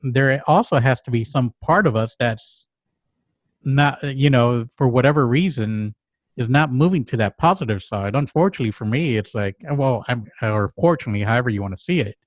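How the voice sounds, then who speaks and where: A man from Mexico, co-hosting a podcast, talking in a reflective, halting way with many restarts and pauses. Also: medium pitch, lively intonation, no room sound, dull audio. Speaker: podcast co-host. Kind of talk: reflective casual conversation.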